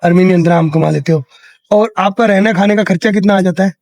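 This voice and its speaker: A young man from India speaks in a high, lifted voice with a dry, close sound. He runs a chatty street interview outdoors, repeating each answer back for his viewers. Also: fast, a little mellow, no echo. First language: Hindi. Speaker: travel vlogger interviewing a worker. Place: outdoors in a city square.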